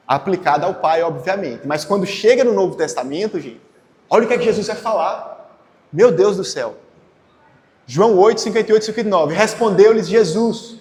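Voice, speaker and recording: A man's voice: high-pitched, darkish tone. A man preaching a teaching sermon and asking his listeners rhetorical questions. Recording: echoey hall.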